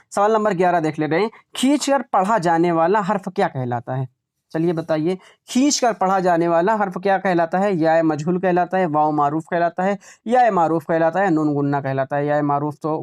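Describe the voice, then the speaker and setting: A man's voice: on the high side, a little mellow, clear, resonant tone. A male teacher leading an exam-prep lesson, repeating words aloud to drill pronunciation and asking questions he then answers himself.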